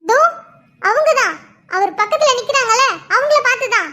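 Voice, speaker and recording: A woman's voice: extremely high pitch, expressive, moderate pace, bright, forceful tone, heavily acted. A woman voicing a furious young wife in a cartoon drama, accusing and scornful. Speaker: cartoon character voice.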